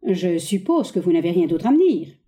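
A woman reading a stage play aloud, voicing a haughty, exasperated middle-aged gentleman with sharp, condescending exclamations. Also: lowish voice, very animated, moderate pace.

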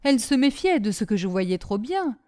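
A woman's voice: on the high side, big pitch swings, normal speed, warm tone. A woman voicing a simple-minded, blunt young male servant, chattering eagerly and indignantly. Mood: plaintive.

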